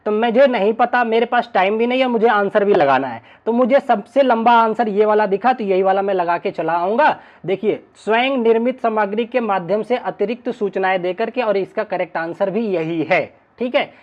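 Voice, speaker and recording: A man's voice: sits high, moderate pace, few pauses, highs cut off. A male teacher giving an online exam-prep lesson, chatty and constantly checking in with his students. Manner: chatty, keeps checking in with "ठीक है ना".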